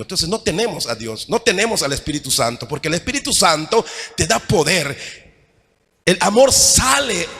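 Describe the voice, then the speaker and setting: A Mexican man preaches from the pulpit in a high, bright register. He keeps checking in with the congregation and alternates emphatic, near-shouted points with quieter asides. His voice rings out with a long tail of echo through the church hall. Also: vocal fry. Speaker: pastor. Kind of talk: sermon.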